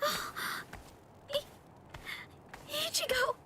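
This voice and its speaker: Very high tearful young girl healer in a game, bright, slow, pleading. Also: fairly even intonation, slight background noise, full character voice, rough recording. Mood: anxious. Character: gentle, frightened young woman healer. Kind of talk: game cutscene voice acting.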